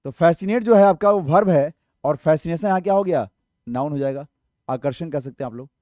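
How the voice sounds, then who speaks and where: A man's voice: a little high, a little fast, a little mellow, no echo, clean studio sound. A man teaching English vocabulary in an online exam-prep lesson, explaining patiently, asking rhetorical questions and checking in often.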